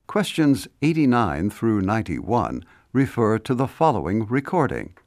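A man's voice: on the low side, very animated, a little slow, darkish tone, no echo, studio quality. A man reading scripted exam instructions as a formal narrator. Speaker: listening test narrator.

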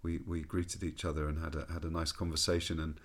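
A man, a rabbi, giving a measured, thoughtful spoken reflection that moves between reading a poem and telling a personal story. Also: very deep voice, little pitch movement, slightly rough.

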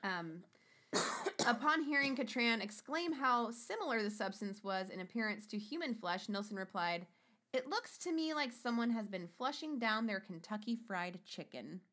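A woman's voice: on the high side, animated, moderate pace, fairly bright tone. A woman co-hosting a casual true-crime chat, reading out case notes and breaking off into profane asides. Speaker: podcast co-host.

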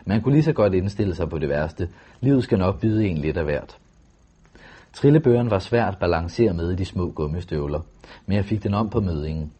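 A man reading a first-person novel aloud in a calm, measured, steady way. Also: low voice, breathy edge. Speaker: audiobook narrator.

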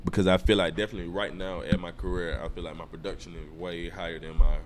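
A man's voice: low-pitched, little pitch movement, fast talker, a little hiss or hum. A man, a producer and songwriter, chatting loosely in an interview, full of slang and "you know what I'm saying.". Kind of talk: casual interview chat.

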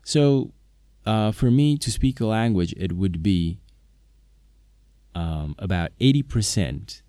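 Here the Slovak-native interpreter and polyglot YouTuber speaks slowly and expressively in a lowish, mellow voice, casually telling viewers about knowing languages. He hesitates often, filling gaps and restarting sentences. There's no room sound, just clean studio audio.

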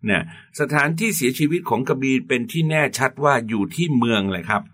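A man speaking as a guest scholar in a conversational lecture, measured and often checking that his co-host agrees. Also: medium pitch, animated, a bit bright.

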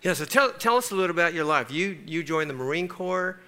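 Bright, higher-voiced man moderating a panel. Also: animated, a little fast. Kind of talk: interviewing on a church panel.

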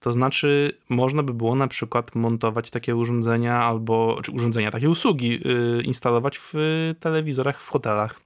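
Man hosting a podcast, measured tone. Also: medium pitch, steady tone, dry recording, studio quality. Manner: measured, conversational questioning. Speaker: podcast host. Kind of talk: podcast interview.

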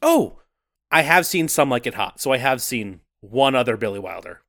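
Lively male podcast co-host, dryly recorded. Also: medium pitch, moderate pace, dry recording, clean studio sound. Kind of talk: casual, jokey movie podcast banter.

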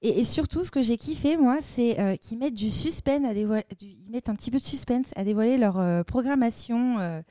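A woman's voice: fairly high pitch, a little fast, few pauses, warm tone. A woman presenting a culture segment in casual, upbeat live chat. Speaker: culture columnist.

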